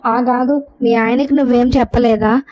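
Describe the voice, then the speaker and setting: A woman's voice: on the high side, fairly even intonation, normal speed, slight background noise, natural voice. A woman voicing a blunt, teasing older brother in a storybook reading. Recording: dull lo-fi recording.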